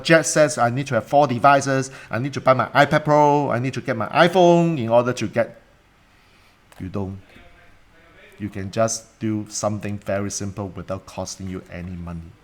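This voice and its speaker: A man's voice: mid-range voice, a bit bright. A middle-aged man with a Cantonese accent, coaching in an informal online class in a blunt, emphatic way with rhetorical questions and repetition. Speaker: coach and mentor teaching a live online class. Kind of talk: informal live online teaching.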